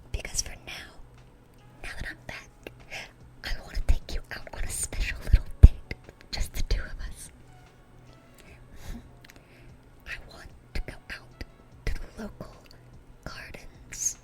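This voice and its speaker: A woman voices a young demon girl, dorky and sweet-natured, in an ASMR roleplay, her breathy, unvoiced whisper rambling on in a chatty, earnest way. She sounds sweet and excited, speaking at a moderate pace in her natural voice. The recording quality is low.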